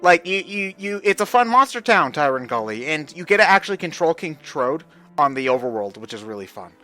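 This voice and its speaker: A man's voice: fairly high pitch, big pitch swings, fairly quick, sharp tone, faint music behind. A young man hosting a casual game discussion, enthusiastic and rambling with lots of fillers. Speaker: host.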